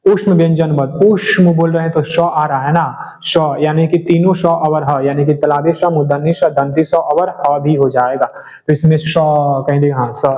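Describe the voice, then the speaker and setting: A man's voice: fairly high pitch, a little mellow. Man quizzing students in a lesson. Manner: keeps asking and answering his own questions. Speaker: teacher. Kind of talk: exam-prep lecture. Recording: dull lo-fi sound.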